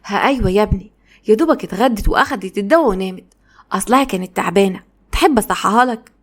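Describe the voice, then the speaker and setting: A woman's voice: medium pitch, animated, racing. A woman with an Egyptian Arabic accent voicing a coaxing, fussing mother in her forties. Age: 40s.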